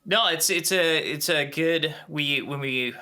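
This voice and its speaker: Minnesota guy chatting on a call, real bright voice, lots of ums and restarts. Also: fairly high pitch. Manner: halting, many restarts and fillers. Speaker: podcast guest. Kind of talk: casual chat.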